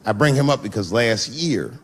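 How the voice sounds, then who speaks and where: A man's voice: medium pitch, lively intonation, moderate pace. A man doing a stand-up comedy set at a live show, telling a story and acting out the voices of the people in it. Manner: storytelling, acts out quoted voices. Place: live venue with laughing audience. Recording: live show, faint background noise, laughter. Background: audience laughter.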